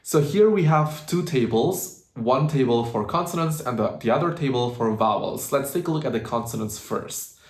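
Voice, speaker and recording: A man teaching pronunciation in an explanatory video lesson, patient and steady, and slowing down to demonstrate words. His voice sits at an ordinary middle pitch, and the room around him sounds echoey. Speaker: language teacher.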